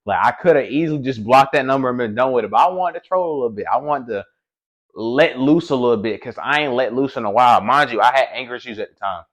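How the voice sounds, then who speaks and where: A man's voice: mid-range voice, fast talker. A young man telling a storytime vlog in casual, profane slang, rambling with lots of filler. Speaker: vlogger.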